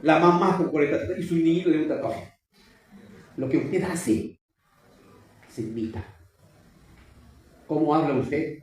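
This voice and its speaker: A man's voice: on the high side, a little slow, long pauses, a little hiss or hum. A man preaching a sermon, often questioning and exhorting the congregation. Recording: very echoey hall, distant mic.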